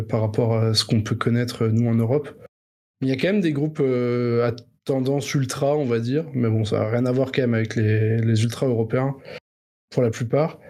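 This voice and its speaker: A man's voice: medium pitch, a little mellow. A man co-hosting a casual podcast chat, teasing and laughing easily. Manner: joking, teasing, quick to laugh. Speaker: co-host.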